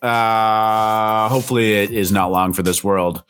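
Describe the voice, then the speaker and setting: Chatty low-voiced man hosting. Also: level tone, unhurried, a bit bright, faint music behind. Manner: chatty, laughs easily, greets listeners by name. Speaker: host. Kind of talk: casual live audio show chat.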